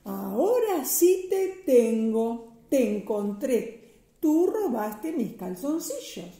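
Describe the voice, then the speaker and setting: Lady doing an elephant bellowing at someone, warm mellow tone, storybook. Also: a little high, very animated, slow pace, echoey room. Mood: accusing. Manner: loud accusing bellow. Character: big bellowing young elephant.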